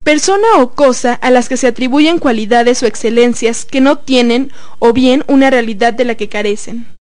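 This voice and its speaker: Female reader for definitions, a bit high, dry close recording. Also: moderate pace, a little mellow, no echo. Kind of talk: reading dictionary definitions.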